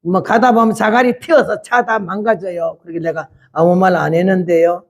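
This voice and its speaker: A woman in her eighties giving a testimony sermon as a missionary preacher, blunt and rough-spoken, acting out scenes with drama. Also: lowish voice, steady tone, moderate pace. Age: 80s. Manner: dramatic, acts out scenes loudly.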